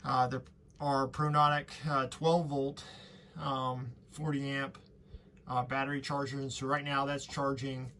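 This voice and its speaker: A man with a medium-pitched, fairly monotone voice speaks a little slowly, his tone pushed and bright. He owns a boat and hosts a casual walkthrough vlog, explaining things in a relaxed, slightly hesitant way. The camera audio is noisy, with clearly audible background noise.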